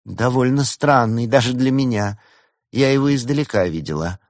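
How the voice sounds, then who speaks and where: A man's voice: moderate pace, dry recording, studio quality, natural voice. A man voicing a fussy, self-important female cat sorceress in an audiobook. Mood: haughty. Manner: shrill, demanding, self-important. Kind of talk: audiobook character voice.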